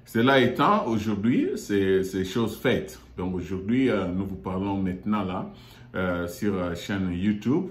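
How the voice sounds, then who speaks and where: A man from Congo hosting his own online show, talking haltingly with many fillers and repeated words from a meeting room in an office. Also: low-pitched, animated. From Democratic Republic of the Congo. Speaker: YouTube show host. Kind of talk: hesitant monologue. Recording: echoey room.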